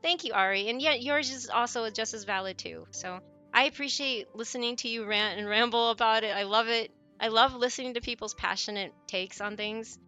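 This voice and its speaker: A woman's voice: fairly high pitch, fairly quick, bright, forceful tone, clear, resonant tone. A woman live streamer talking casually to her chat in a rambling, conversational way. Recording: music playing behind the voice. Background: background music.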